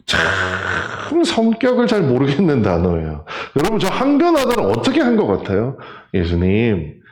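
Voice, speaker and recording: A man preaching a sermon in a church, his pitch leaping high and low as he acts out the voices of the people in his story and puts questions to the congregation. His voice rings through an echoey sanctuary. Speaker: pastor.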